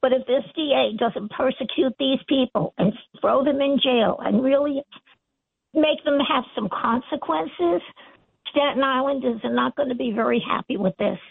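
A woman in her eighties with a gravelly voice, speaking her mind casually as a caller over a narrow telephone line. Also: high voice, moderate pace, no echo. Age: 80s. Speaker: call-in radio listener. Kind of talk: casual opinionated phone-in talk. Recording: narrow, tinny phone line.

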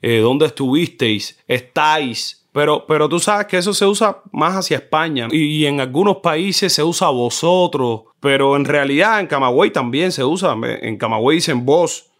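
A middle-aged man with a Cuban Spanish accent, a film director chatting as a guest and telling animated stories, often mimicking how people in other regions talk. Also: a little high, normal speed, few pauses. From Cuba. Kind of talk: casual conversation.

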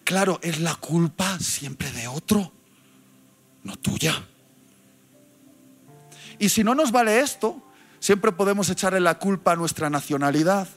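A male pastor preaching a sermon with passion, shouting some points for emphasis. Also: high-pitched, animated, measured pace, pauses often, soft background music.

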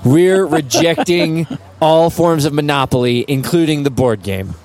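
A man's voice: on the high side, unhurried, a little mellow. A man co-hosting a casual podcast, easygoing and wry, with some filler words, recorded live in a brewery. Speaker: podcast co-host. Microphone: single shared microphone.

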